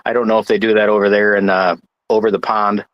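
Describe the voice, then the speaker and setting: Guy from michigan talking darts on a stream, lowish voice, stops and restarts a lot, dry close sound. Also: flat delivery, dry recording, highs cut off. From Michigan, United States. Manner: halting, many restarts and fillers. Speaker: guest darts player. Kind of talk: casual chat.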